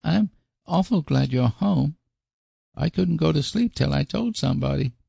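Man putting on a high, pleading little boy. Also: animated, a little slow, creaky, mellow, slightly rough, no echo, clean studio sound, full character voice. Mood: miserable, pleading. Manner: childlike, earnest, confessional. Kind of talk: storybook character voice.

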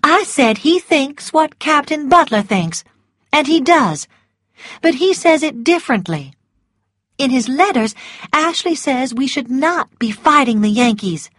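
A gentle young woman, as a woman reader puts her on speaks earnestly and firmly in a raised, light voice, trembling a little. The recording is close and dry. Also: high-pitched, animated, a little slow, no echo, voice pushed up. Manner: earnest, trembling but firm.

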